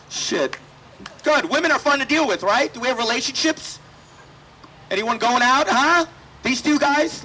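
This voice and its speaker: A male stand-up comedian talks to the audience from an outdoor festival stage in a loose, profane, conversational way. His voice sits high and sounds bright and ringing. Faint crowd noise hangs behind him. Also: rough recording.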